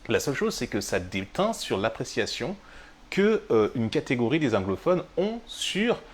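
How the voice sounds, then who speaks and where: A man's voice: medium pitch, sing-song, normal speed, husky. A French-speaking man hosting a live English-learning stream, talking directly to the viewer in a chatty way with many fillers. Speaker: English teacher and host. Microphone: webcam or phone of a live stream.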